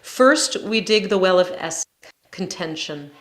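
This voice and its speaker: A woman leads a yoga class in a calm, reflective way, her voice sitting a little low. Her audio crackles and drops in and out from a faulty microphone connection. The sound rings with a roomy echo. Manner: measured, reflective teaching tone. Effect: audio cutting in and out, crackly faulty mic connection. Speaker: yoga teacher and cantor. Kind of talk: guided yoga class teaching. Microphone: microphone on a live online stream. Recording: roomy echo, glitchy dropping mic.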